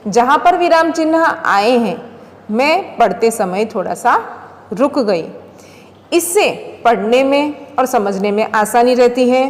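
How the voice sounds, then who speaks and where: Woman teacher explaining grammar to kids real slow, high voice, big echo like a hall. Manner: slow and deliberate, stressing example words loudly; addresses children directly. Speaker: school teacher. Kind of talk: classroom Hindi grammar lesson. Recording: very echoey hall-like room.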